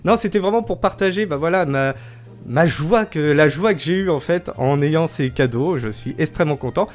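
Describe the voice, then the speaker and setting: A man's voice: on the high side, lively intonation, normal speed, faint music behind. A young man chatting casually in a vlog from his home studio, full of fillers and self-mocking laughs. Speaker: YouTuber showing his Christmas gifts.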